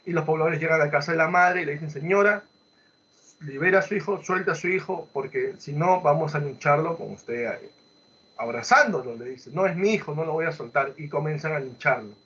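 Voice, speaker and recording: Speaking fairly quickly in a fairly high, fairly bright voice, a Peruvian Spanish-accented man teaches literature by retelling a folk tale. He voices the characters' quoted lines and pauses for short check-in questions, and the audio has its highs cut off.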